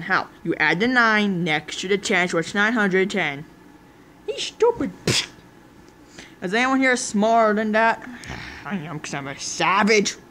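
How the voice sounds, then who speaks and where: A woman performs a homemade toy skit, voicing every character herself. She bounces from squeaky high voices to low grumbles with a very lively pitch and an unhurried pace. Faint room ambience sits behind her. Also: slight background noise. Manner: jumps between many put-on character voices, squeaky highs and low mutters.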